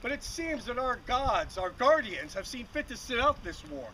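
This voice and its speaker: A bitter, loyal warden acted by a man declaims in formal renaissance faire style. The voice is fairly high and sharp, earnest and dutiful. Faint outdoor noise sits behind it. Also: sing-song, normal speed, exaggerated voice, rough recording. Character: bitter, dutiful warden companion to a lady mage. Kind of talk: live renaissance faire stage acting, formal old-fashioned fantasy speech. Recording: outdoor live recording with faint ambient noise.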